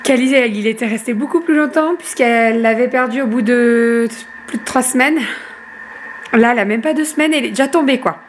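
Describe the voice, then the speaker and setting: Her voice leans high and brisk, set against a noisy background. Speaking from her kitchen at home, she chats casually about her family for a vlog, wandering between topics with plenty of hesitations and self-corrections.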